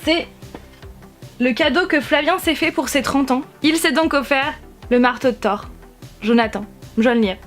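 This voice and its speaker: A woman's voice: sits high, measured pace, long pauses, soft background music. A young woman vlogging at home, chatting enthusiastically about her purchases with lots of restarts. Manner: enthusiastic, gushing, many restarts. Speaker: YouTube vlogger. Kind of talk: casual haul video chat. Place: warm room at home with a fan running. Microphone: camera-mounted shotgun mic.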